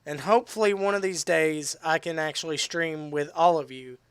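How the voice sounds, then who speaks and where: A man chatting casually on a game live stream, rambling with restarts and fillers, his voice tiring and going hoarse. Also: a little high, moderate pace, a bit bright, no echo. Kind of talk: casual live-stream chat while gaming.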